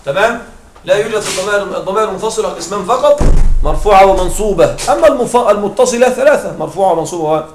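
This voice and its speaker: A man teaching an Arabic grammar class. He keeps checking in with his students with short questions and slowly spells out his example phrases. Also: high-pitched, expressive. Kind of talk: classroom lecture. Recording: echoey room with faint noise.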